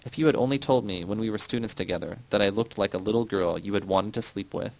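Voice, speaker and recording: Casting: male reader as cold, accusing young woman, low gravelly tone. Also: a little fast, poor audio. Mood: bitter. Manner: shouting, cutting.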